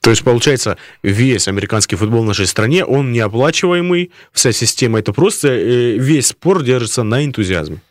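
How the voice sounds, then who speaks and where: A man's voice: mid-range voice, very animated, brisk, few pauses, no echo, clean studio sound. A man hosting a conversational radio interview, putting long, wordy questions to his guests. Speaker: radio host. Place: radio studio.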